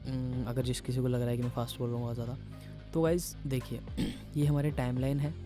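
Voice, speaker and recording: A man talks through music software for beginners in a relaxed tutorial manner. His delivery stays flat, with little rise and fall in pitch. Faint music plays quietly behind his voice. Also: fast. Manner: casual explanatory, addresses viewers as guys, mixes English terms into Hindi. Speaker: music production instructor. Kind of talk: screen-recorded software tutorial. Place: home music studio.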